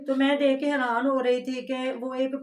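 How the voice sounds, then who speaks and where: A woman's voice: sits high, little pitch movement, normal speed, a crowd in the background. A woman giving casual, rambling reaction commentary on family vlogs, full of fillers and asides.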